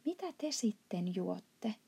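Brief: woman reading a polite questioning little girl, slightly raised, husky storybook voice. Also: mid-range voice, lively intonation, dark tone, full character voice. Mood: curious.

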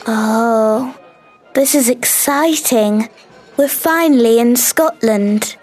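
Brief: an excited girl traveller, high voice, slow and clear, music underneath. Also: rough recording. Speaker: character in a textbook dialogue.

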